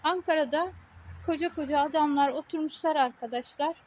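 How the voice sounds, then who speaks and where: High-voiced indignant Turkish woman vlogger. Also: a little fast, darkish tone, slight background noise. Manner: indignant, emphatic, speaks in short repeated phrases. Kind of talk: casual talk to camera. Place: outdoors on a street.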